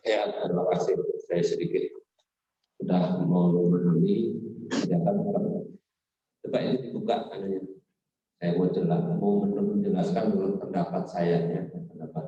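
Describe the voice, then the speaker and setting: Give me a man on a group call, checking in a halting way whether the others can hear him, while his audio rings with a heavy echo. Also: low-pitched, fairly even intonation, dark tone. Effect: heavy echo on his call audio, words ringing back. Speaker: participant in an online discussion. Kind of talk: conversational remarks in a group discussion. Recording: echoey, distant, dull-sounding online call audio.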